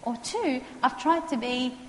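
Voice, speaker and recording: Calm woman lecturing in an echoey room. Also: high-pitched. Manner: calm, measured, acts out client quotes. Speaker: counselling lecturer. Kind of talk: explaining counselling skills to students. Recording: echoey hall, faint noise.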